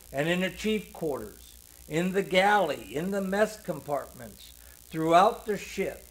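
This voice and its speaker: An older man narrating a sentimental story in the first person, slow and heartfelt. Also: on the high side, gravelly, poor audio.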